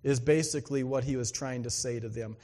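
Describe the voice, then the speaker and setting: A male pastor preaching a conversational sermon, swinging from emphatic bursts to hushed asides. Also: mid-range voice, fairly even intonation, a little fast, big-room sound.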